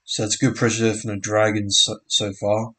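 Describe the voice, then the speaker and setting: A man's voice: lowish voice, completely flat delivery, normal speed, sharp tone, slight background noise. A young man casually commenting on a live match stream, often unsure of players' names and correcting himself. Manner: unsure, self-correcting, frequent restarts and fillers.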